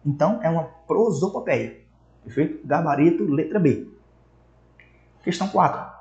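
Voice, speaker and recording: A man's voice: on the high side, animated, normal speed, vocal fry, a little mellow, lo-fi sound. A man from Brazil giving an exam-prep lesson and explaining each answer, often checking in with his listeners. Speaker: teacher. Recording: echoey room.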